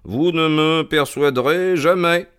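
A man's voice: a little high, measured pace, clear, resonant tone, pitched above the performer's own voice. Sherlock Holmes, a sly, cool detective read by a man. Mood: stubborn. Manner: calm, teasing, stubborn. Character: cool, cunning middle-aged male detective. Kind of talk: audiobook reading.

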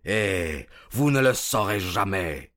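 A cornered aristocrat, impatient and defensive, acted by a man. His pitch swings widely, and he speaks in slow, drawn-out phrases. He fires back with exasperated retorts in a radio drama manner. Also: sing-song, a bit bright, exaggerated voice.

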